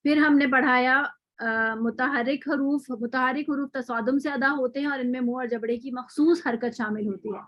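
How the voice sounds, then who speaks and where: Woman, high voice, tajweed teacher, patient explaining, dull lo-fi audio, dry close sound. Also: steady tone, no room sound. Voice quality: patient, repeats example words slowly. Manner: frequent fillers and self-corrections. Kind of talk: online lecture with recap.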